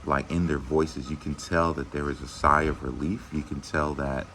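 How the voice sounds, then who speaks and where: A man's voice: extremely low pitch, little pitch movement, normal speed, fairly bright tone, slight background noise. A middle-aged man and school administrator talking earnestly and casually to teachers in a video message, with many "you know" fillers.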